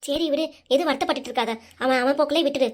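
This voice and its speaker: A woman voicing a nagging, sharp-tongued elderly grandmother in a cartoon comedy, with a southern Tamil Nadu accent, scolding and exasperated. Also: high-pitched, rapid-fire, natural voice. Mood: consoling.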